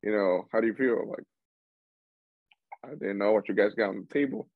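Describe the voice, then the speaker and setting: A young Cuban man, a baseball player, chats as an interview guest in a lowish voice at a slightly quick pace. He rambles, restarts often and laughs a lot in this casual interview. The recording is dry, narrow and tinny.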